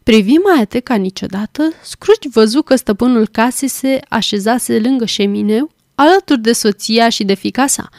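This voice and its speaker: A woman's voice: a little high, hardly any pauses, darkish tone, dry recording, studio quality. Woman narrating an audiobook. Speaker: volunteer audiobook reader.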